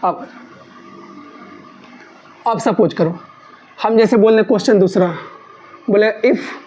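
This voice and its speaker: Taking things slowly in a warm, mid-range voice, a female maths teacher asks questions, answers them herself, and coaxes her students by repeating key terms again and again.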